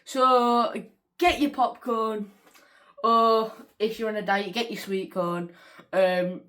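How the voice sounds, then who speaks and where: A woman's voice: a little high, steady tone, takes it slowly, fairly bright tone. A woman hosting a casual reaction vlog, chatty and easily startled. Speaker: reaction video host.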